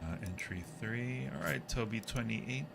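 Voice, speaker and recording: This livestream host gives jokey commentary on a horror game he is playing, yelping and exclaiming at the scares. He talks a little slowly at a medium pitch, and background noise comes through clearly.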